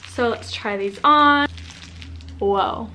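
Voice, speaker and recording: Bubbly young female vlogger, casual and a little high-pitched, light background noise. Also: slow. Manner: bubbly and excited. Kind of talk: casual vlog talk to camera.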